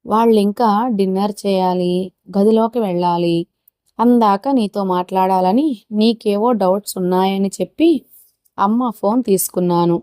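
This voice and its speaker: Woman narrator voicing a restless teen boy, hushed and excited, warm timbre. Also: mid-range voice, normal speed, clean tone, no room sound, clean studio sound, close to an everyday voice. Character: restless teenage boy, eager and agitated.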